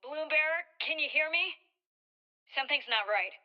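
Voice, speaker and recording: A woman's voice: high voice, animated, moderate pace, dull audio. A woman playing a caring young female ally in a video game, calling out urgently. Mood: alarmed, urgent.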